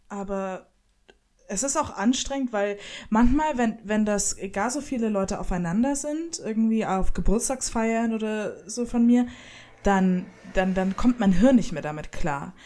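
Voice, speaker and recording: A woman's voice: a little high, darkish tone. Chatty, laughing young Bavarian woman. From Upper Palatinate, Bavaria. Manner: chatty, self-mocking, laughs often. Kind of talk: casual chat.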